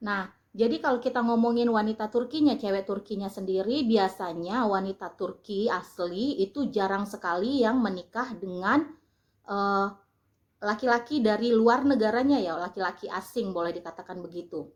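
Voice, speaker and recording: An Indonesian woman vlogging in a relaxed, chatty way, explaining things with frequent fillers and pauses. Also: mid-range voice, lo-fi sound. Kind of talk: casual vlog talk. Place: lives in Turkey.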